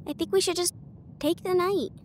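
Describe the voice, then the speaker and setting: In an intimate, acted roleplay monologue, a woman with a high, fairly evenly intoned voice portrays an affectionate, bookish partner. She's casual and chatty with hesitant pauses between phrases, while ambient train sound effects add some noticeable background noise.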